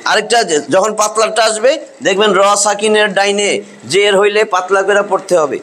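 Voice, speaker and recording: A man's voice: sits high, steady tone, fairly quick, fairly bright tone. A man teaching a Quran recitation class, patiently repeating each rule with drilled examples. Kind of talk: classroom tajweed lesson.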